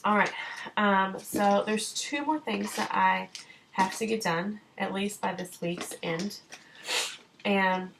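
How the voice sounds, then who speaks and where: Over a noisy background, a thirtysomething woman who works as a direct sales consultant gives upbeat, talkative sales tips from home, full of fillers and false starts. Her mid-range voice has vocal fry, she speaks slowly, and she seems out of breath.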